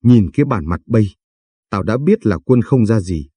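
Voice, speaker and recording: A man's voice: fairly low pitch, lively intonation, warm tone, breathy edge, no room sound, studio quality. A man voicing a furious hot-tempered old father-in-law. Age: older. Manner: angry scolding, rapid tirades.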